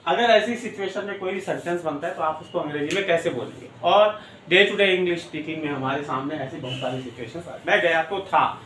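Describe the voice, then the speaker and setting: A man teaching an English grammar lesson, repeating example sentences slowly and word by word to drill them in. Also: a little high, a bit bright, slight background noise. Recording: echoey room, mic at a distance.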